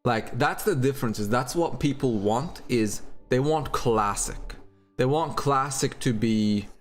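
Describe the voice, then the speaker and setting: Speaking a little slowly at a medium pitch, this livestream host has an Australian accent and ties to Turkey and Australia. He keeps the chat loose and casual, with the odd curse word thrown in.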